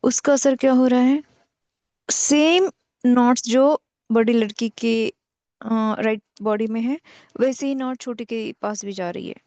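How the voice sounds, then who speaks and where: Woman teacher telling a slow spiritual story. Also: a little high, a little mellow, no echo. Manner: slow, repetitive, story-telling with many pauses.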